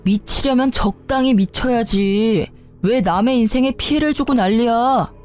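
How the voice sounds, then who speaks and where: A woman narrator voices an angry older brother in a spoken drama story. He bitterly accuses his sister. The tone is dark and mellow, with soft music underneath. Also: fairly high pitch, unhurried, close to an everyday voice.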